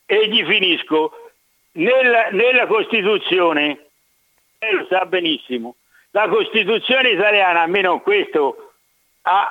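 High-voiced man arguing over a phone line. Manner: heated, argumentative. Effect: over a landline phone. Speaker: radio call-in caller. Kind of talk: phone-in talk radio. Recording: narrow tinny phone line.

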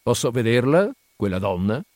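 Hearty boastful sailor, a little drunk, animated delivery, read by a male narrator. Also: mid-range voice, moderate pace, no echo, studio quality, lightly acted. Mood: eager. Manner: swaggering, boastful, slightly drunk.

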